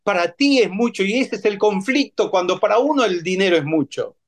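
A man's voice: high voice, animated, brisk. A man preaching a sermon in an emphatic way, repeating phrases and asking his congregation rhetorical questions.

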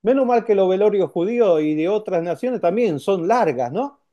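A man preaching a sermon, conversational and lively, with rhetorical questions and repeated points. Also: high voice, normal speed, highs cut off. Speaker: pastor.

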